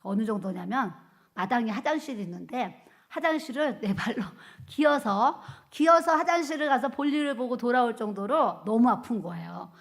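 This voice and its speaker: A woman's voice: on the high side, lively intonation, normal speed. A woman pastor giving a testimony sermon, telling her story vividly and acting out the quoted speech.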